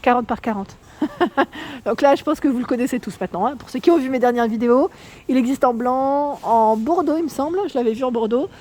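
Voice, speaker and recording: A woman's voice: high voice, brisk, mellow. A woman vlogging casually as she walks through a shop, chatting and asking viewers what they think. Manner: chatty, asks viewers for opinions. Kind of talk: casual store walkthrough vlog. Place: inside a shop.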